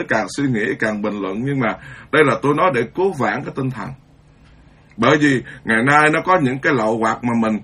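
A Buddhist monk giving an informal dharma talk, rambling and conversational, stumbling over repeated words. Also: male voice, a little high, sharp tone, slightly rough.

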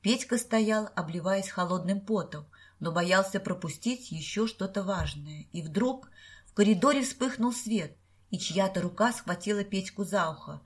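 A woman's voice: mid-range voice, lively intonation, normal speed, husky. Woman narrating an audiobook. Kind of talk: scripted narration.

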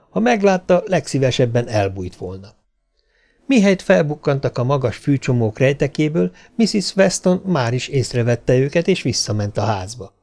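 Man narrating a novel, mellow tone. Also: mid-range voice. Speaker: audiobook narrator.

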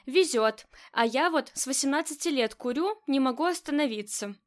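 A woman narrating an audiobook voices a cold, commanding middle-aged crime boss with a high, light, clipped, self-assured voice. She never raises it, sounding used to obedience, and speaks expressively at normal speed in a casual mood.

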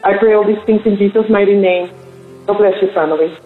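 A woman's voice: mid-range voice, steady tone, brisk. A woman pastor's voice rings back with a canyon-like echo, as if she stood alone in a bare, empty house. Her fervent prayer comes over a thin, phone-like line. Faint music plays underneath. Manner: fervent, addresses listeners as family. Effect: canyon-like echo from a bare room. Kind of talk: spoken prayer on a call-in line. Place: empty new house, indoors. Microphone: phone call.

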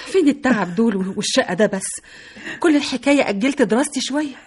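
A young Egyptian woman in a radio drama, a devoted daughter who is earnest and reassuring. She talks quickly in a slightly high, breathy voice. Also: animated. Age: young adult.

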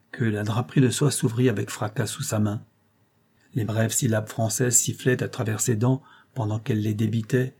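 A man narrates an audiobook at a steady, even pace. His voice is low and mellow, with a husky grain. The reading stays calm throughout. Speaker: audiobook reader.

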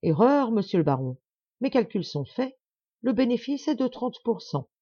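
A woman's voice: a little high, very animated, moderate pace, mellow, slightly rough, no room sound, muffled recording, pitched above the performer's own voice. A woman reading the part of a proud, stubborn middle-aged man who talks with insistent, forced cheer. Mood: satisfied.

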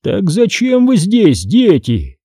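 A man playing a stern, slow creature chief. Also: high voice, wildly swooping pitch, dark tone, husky, dry recording, clean studio sound, voice pushed up, exaggerated voice. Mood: commanding. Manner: slow, drawn-out and commanding. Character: stern chief of a small, strong creature tribe. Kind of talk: audiobook character voice.

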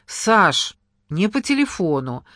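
A reader voicing a gentle, anxious young wife in an audiobook, soft and tender. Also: female voice, on the low side, very animated, slow, no room sound, studio quality, heavily acted. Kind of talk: audiobook character reading.

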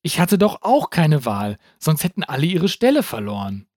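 A man's voice: fairly high pitch, wildly swooping pitch, moderate pace, a little mellow, no echo, studio quality, pitched above the performer's own voice. A man voicing an anxious, panicky male plantation owner who sounds frightened and pleading. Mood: panicked.

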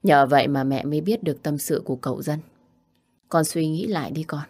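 Brief: storybook mother, soft and patient, low voice, voiced by a woman. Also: brisk, breathy edge. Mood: coaxing. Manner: calm, coaxing. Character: caring middle-aged mother, gently persuasive.

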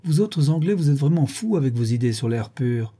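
A man voicing an effusive, teasing French theatre director in a storybook reading, pitched above his narrating voice. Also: animated, fairly quick, dark tone, slightly rough. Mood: jovial. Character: jovial, talkative middle-aged French theatre director.

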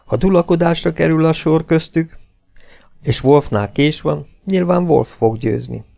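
A man narrating a novel in an audiobook, reading in an even, steady way. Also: fairly high pitch, vocal fry.

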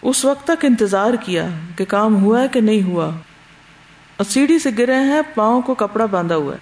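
A man's voice: high voice, expressive, low-quality recording. A man giving a lecture on early Islamic history, reading from a book and adding his own explanations and rhetorical questions. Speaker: religious teacher.

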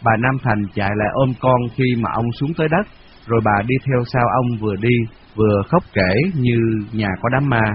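A man reading a novel aloud in a steady, measured storytelling voice, on a dull lo-fi radio recording. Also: mid-range voice. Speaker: narrator.

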